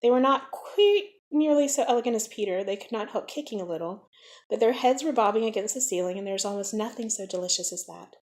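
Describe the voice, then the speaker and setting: A woman narrating a classic children's novel in a lively, expressive storybook reading. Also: mid-range voice, fast. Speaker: audiobook reader.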